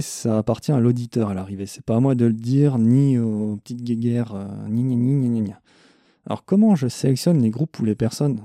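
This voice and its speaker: Blunt, swearing French metal podcaster. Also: male voice, medium pitch, warm tone, dry recording, clean studio sound. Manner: blunt, irreverent, swears freely. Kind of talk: casual monologue answering questions.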